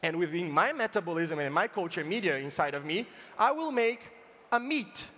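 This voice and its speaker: Seorang pria memerankan mesin bioreaktor wanita beraksen Inggris. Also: male voice, high-pitched, lively intonation, moderate pace, bright, forceful tone, full character voice. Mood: explaining. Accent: British, put on. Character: posh female bioreactor machine, calm explainer. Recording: reverberant live event hall.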